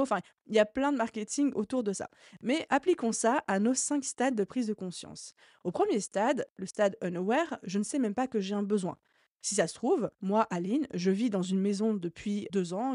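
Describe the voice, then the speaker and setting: A woman's voice: medium pitch, a little mellow, no echo, studio quality. A woman hosting a solo podcast, explaining marketing ideas in a conversational, teaching way with frequent fillers. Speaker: podcast host and marketing coach. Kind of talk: solo educational podcast talk.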